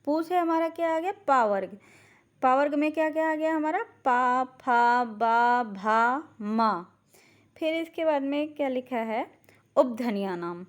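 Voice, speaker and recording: A woman's voice: sits high, expressive. Woman teacher quizzing herself aloud. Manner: asks questions and answers them herself, repeats syllables slowly. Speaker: Ayurveda teacher. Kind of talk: classroom lecture, Sanskrit grammar.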